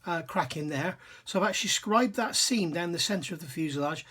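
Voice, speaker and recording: Brit hobbyist host, rather high voice, dry throat, chatty and self-deprecating tutorial at home bench. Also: male voice, brisk, sharp tone, husky. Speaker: scale model building channel host. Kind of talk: casual workbench tutorial.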